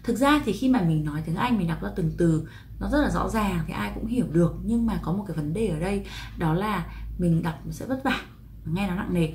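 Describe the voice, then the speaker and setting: A woman teaching English pronunciation in a video lesson, explaining patiently and slowly repeating each example. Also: on the low side, darkish tone, slight background noise.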